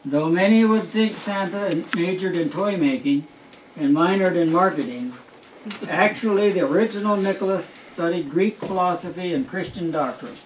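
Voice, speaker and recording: Reading a Christmas story aloud at his family's home, an older grandfather speaks at a normal speed in a high-pitched voice with a wry, amused touch. The roomy, distant home recording picks up a little hiss or hum.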